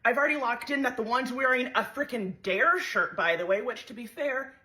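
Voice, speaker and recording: A young woman animatedly telling a dramatic, self-mocking story to her phone camera at home, full of quick asides. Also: a little high, bright, forceful tone. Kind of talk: casual storytelling vlog to camera. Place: home, indoors.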